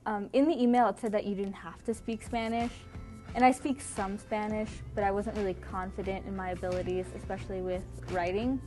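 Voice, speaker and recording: A woman's voice: mid-range voice, steady tone, fairly quick, a little mellow. Earnest young woman student, faint music. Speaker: college student. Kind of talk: documentary interview. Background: faint background music.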